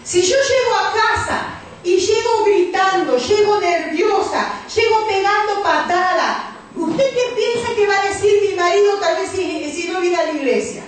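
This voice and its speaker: A woman pastor delivers a storytelling sermon, slipping into the voices of the people she quotes. Her voice sits high and carries through a very echoey church hall, picked up from a distance with a faint hiss underneath. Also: a little slow.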